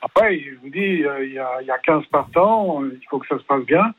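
A racehorse trainer talking as a guest on a radio show, relaxed and modest. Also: male voice, fairly high pitch, a little fast, husky. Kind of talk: phone interview on radio. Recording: tinny phone line, faint music.

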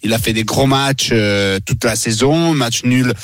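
A man's voice: mid-range voice, measured pace, no echo, clean studio sound. A man with an Italian accent giving football analysis on the radio, hesitating with many fillers.

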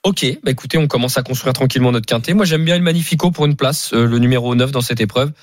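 A man hosting a casual radio chat, steering the talk in a lively way. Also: medium pitch, quick pace, no echo, clean studio sound. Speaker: radio show host. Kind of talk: casual radio chat about horse racing bets.

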